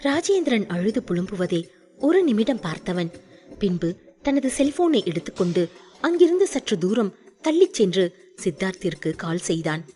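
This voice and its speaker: A woman narrating an audiobook with expressive storytelling. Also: mid-range voice, moderate pace.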